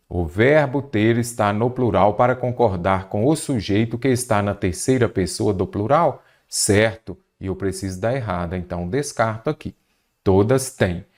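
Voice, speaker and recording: Man, grammar teacher, exam-prep lesson, patient, asks and answers own questions. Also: mid-range voice. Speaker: Portuguese teacher.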